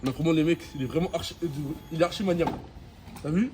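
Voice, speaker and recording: A young man with a slightly high voice talks quickly to camera, reviewing something vlogger-style in casual French suburban street slang. A crowd can be heard behind him, and the ambient noise is noticeable.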